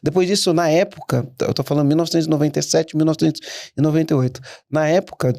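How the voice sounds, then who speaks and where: A middle-aged man, a guest entrepreneur telling stories in a casual interview, animated and quick to restart his sentences. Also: fairly high pitch, creaky, no room sound, clean studio sound. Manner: animated, anecdotal, frequent restarts.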